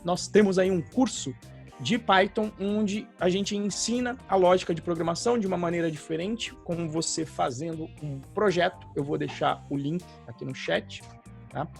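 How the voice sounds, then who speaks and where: A man's voice: high-pitched, normal speed, gravelly, faint music behind. A man from Brazil co-hosting a podcast, explaining things like a teacher and often tagging his sentences with little check-in questions. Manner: explanatory, frequent "tá?" tag questions. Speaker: podcast co-host, programming teacher. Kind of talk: casual podcast chat.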